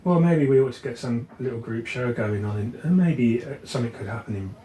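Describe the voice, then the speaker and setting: A man's voice: mid-range voice, expressive, fairly quick, warm tone. A man from England hosting a casual podcast interview, musing thoughtfully with hesitant starts. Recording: echoey room with faint ambient noise.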